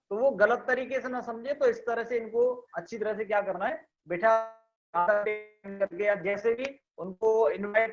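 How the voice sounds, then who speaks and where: A man's voice: high voice, muffled recording. A man leading an online sales training session, explaining step by step and checking that listeners understand. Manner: instructive, repeats points and asks if understood.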